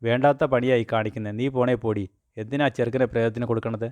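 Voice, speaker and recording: A man's voice: medium pitch, fairly even intonation, quick pace, a little mellow, dry recording, lightly acted. A man reading the lines of a superstitious, grumbling old village grandmother in a storybook reading, with a scolding tone.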